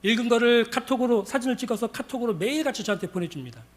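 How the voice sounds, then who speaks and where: A man's voice: extremely high pitch, lively intonation, quick pace. A male pastor preaching a sermon, telling a story and acting out the dialogue as he goes.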